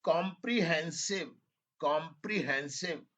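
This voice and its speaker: A man's voice: on the high side, measured pace, fairly bright tone. A man teaching an English spelling dictation to a class. He spells words out letter by letter and teases the students a little. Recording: dull lo-fi classroom recording.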